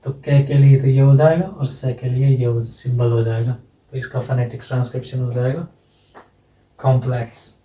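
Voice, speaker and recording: A man teaching English phonetics, going slowly and repeating each sound several times, often checking in with a short tag question. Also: mid-range voice, little pitch movement, warm tone, echoey room, recorded from a distance, a little hiss or hum, poor audio. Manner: ends phrases with a checking "है ना". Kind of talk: whiteboard phonetics lesson.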